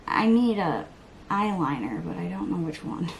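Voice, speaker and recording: Chatty lady doing her makeup at home, rambles to herself, a bit of hiss. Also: on the low side. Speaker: beauty vlogger. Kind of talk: casual get-ready-with-me chat.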